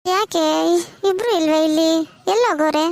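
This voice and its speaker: A woman's voice: extremely high pitch, moderate pace, dry recording. A woman voicing a curious, sympathetic village woman with a rural Karnataka Kannada accent.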